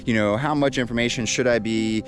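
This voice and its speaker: A man's voice: mid-range voice, steady tone, a little fast, faint music behind. A man talking casually and reflectively to his viewers as an outdoor adventure vlogger. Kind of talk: reflective casual vlog talk. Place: outdoors on a trail.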